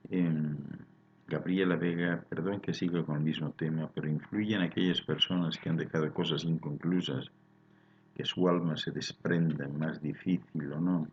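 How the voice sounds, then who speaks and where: A very deep-voiced man with a Spain Spanish accent hosts a live spiritual talk, calmly reading viewers' chat questions and explaining his answers at length. He often ends his points with a questioning tag. The sound is dull and lo-fi, with a faint hum behind him. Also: normal speed.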